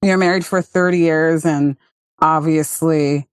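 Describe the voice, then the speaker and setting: A woman hosts an interview in a chatty, lively way. Her voice sits on the lower side. The sound is dry and close, with no room echo. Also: a little slow, clean tone. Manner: lively, chatty, animated when recalling. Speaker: host.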